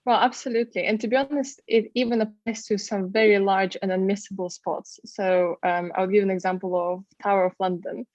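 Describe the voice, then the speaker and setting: A woman's voice: medium pitch, steady tone, brisk, hardly any pauses, a little mellow, no echo, dull audio. A young woman from Ukraine, a guest on an interview, talking in a chatty way with many fillers. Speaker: guest, travel content creator and tour guide. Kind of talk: casual interview conversation.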